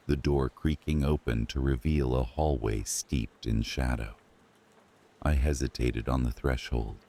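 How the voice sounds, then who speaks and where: Man, extremely deep voice, husky, unhurried horror narration for sleep. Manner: slow, hushed storytelling.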